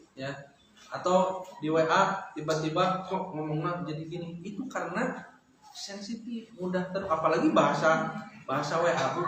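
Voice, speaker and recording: Male religious teacher, Sundanese accent, fairly high voice; conversational lecture style, recorded in a booming, echoey hall. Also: a bit bright. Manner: conversational, often addresses the women listening; mixes in local words, pauses with fillers. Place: hall at a weekly study gathering. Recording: very echoey hall, faint noise.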